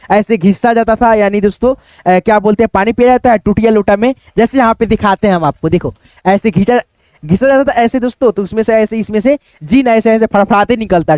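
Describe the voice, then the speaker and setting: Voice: medium pitch, darkish tone, dry recording, studio quality. A reading teacher, giving a chatty read-aloud lesson and drawing out syllables.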